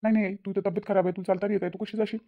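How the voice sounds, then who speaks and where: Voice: mid-range voice, level tone, racing, natural voice. A performer voicing a stubborn, hot-tempered adult son in a cartoon, with a Vidarbha Marathi accent. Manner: scolding, stubborn. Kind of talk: cartoon voice acting. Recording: dull lo-fi recording.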